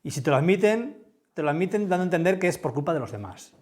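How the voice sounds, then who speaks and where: Man, booming voice, somewhat high pitch, conversational lecturer. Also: lively intonation, quick pace, darkish tone. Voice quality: big booming voice. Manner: conversational, often asking "¿no?" to check in with listeners. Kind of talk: conference talk with audience questions. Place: lecture room.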